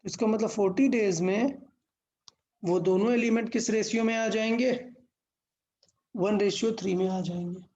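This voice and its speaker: A woman's voice: medium pitch, steady tone, moderate pace, pauses often, warm tone, highs cut off. A woman teaching a physics lesson step by step, asking questions and answering them herself, mixing English terms into Hindi.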